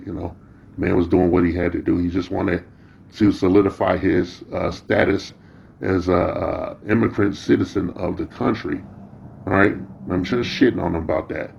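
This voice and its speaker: A middle-aged or older man with a low, creaky, slightly mellow voice rambles through an informal opinion rant as a social media commentator, blunt, profane, slangy, and scornfully confrontational. The lo-fi recording sounds dull and muffled, with slight background noise.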